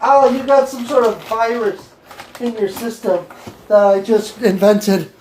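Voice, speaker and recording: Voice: mid-range voice, measured pace, darkish tone, slight background noise. A podcast host chatting casually with an AI, giggling and stammering through restarts. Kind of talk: casual improvised chat with an AI.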